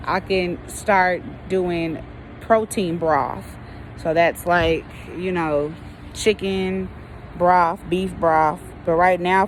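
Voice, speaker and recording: American lady vlog chat, kinda low voice, folksy n rambly, bit of outside noise behind her. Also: rough recording. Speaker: vlogger. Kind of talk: casual chat to viewers, rambling.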